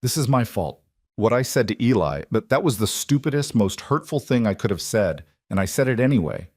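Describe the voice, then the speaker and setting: A man playing a rough, gruff frontier farmer in a storybook narration, speaking earnestly. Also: mid-range voice, expressive, fairly quick, darkish tone, dry recording, clean studio sound, natural voice. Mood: remorseful.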